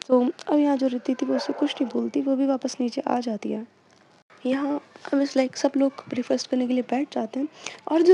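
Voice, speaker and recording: High-voiced woman narrating a story casually. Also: mellow, slight background noise. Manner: chatty, with frequent fillers. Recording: muffled lo-fi recording.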